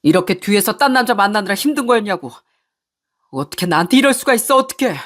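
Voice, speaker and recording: A woman's voice: mid-range voice, expressive, moderate pace, breathy edge. A woman doing a betrayed, angry husband. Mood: angry, accusing. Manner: angry, accusing. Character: betrayed husband confronting cheating wife.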